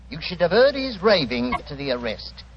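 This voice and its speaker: A man's voice: on the high side, very animated, moderate pace. A man acting a deferential, hearty police inspector in a 1940s radio drama. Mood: pleased, deferential. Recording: noisy, muffled 1940s radio broadcast.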